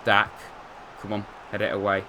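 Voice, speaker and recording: A young English man giving casual commentary over a football video game, chatty, muttering asides and cheering loudly at goals. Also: on the low side, normal speed, a little hiss or hum. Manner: chatty, swings between mumbled asides and excited shouts at goals. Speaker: gaming youtuber. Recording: light music behind.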